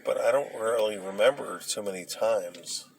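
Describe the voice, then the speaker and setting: A man casually rambling through old memories, halting and hesitant as he searches for details. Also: lowish voice, creaky. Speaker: vlogger recounting memories. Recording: noisy, with vehicle and ambient sound.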